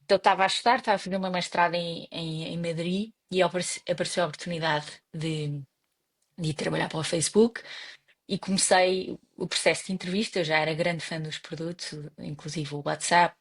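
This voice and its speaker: A woman's voice: fairly low pitch, steady tone, fairly quick. A young Portuguese woman with a European Portuguese accent, chatting as an interview guest, often restarting her sentences. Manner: hesitant, many restarts and fillers. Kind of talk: casual interview conversation.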